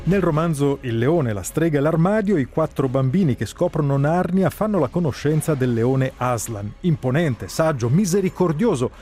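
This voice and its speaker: A man giving a clear, deliberate scripted introduction as a radio presenter. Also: on the high side, lively intonation, mellow, faint music behind. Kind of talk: scripted narration.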